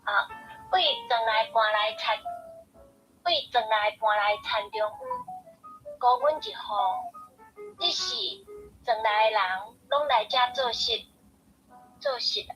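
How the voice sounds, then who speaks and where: A woman taking her turn to read a passage aloud for the group, her fairly high voice moving lively up and down. She reads carefully and pauses between phrases. Faint music plays behind her. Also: poor audio. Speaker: reader in a language group. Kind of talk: reading a text aloud.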